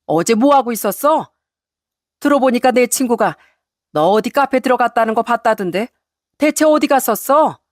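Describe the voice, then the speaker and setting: Lady putting on a shrieky bossy older mother-in-law, yells and swoops all over, dry close sound. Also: expressive, a little slow, dry recording, lightly acted. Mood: furious scolding. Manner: shrill scolding, shouts down her daughter-in-law.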